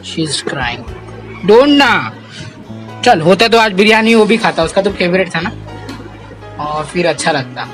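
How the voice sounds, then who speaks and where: High-voiced young man chatting at home. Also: sing-song, takes it slowly, long pauses, fairly bright tone, soft background music. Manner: chatty, mixes in English phrases, coaxing and comforting. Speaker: family vlogger. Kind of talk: casual home vlog. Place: family home, indoors.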